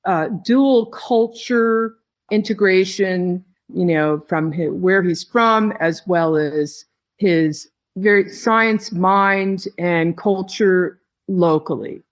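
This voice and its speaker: Slow, reflective woman guest. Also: on the low side. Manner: slow, reflective, phrases broken by pauses. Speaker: tea company head, podcast guest. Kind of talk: interview answers.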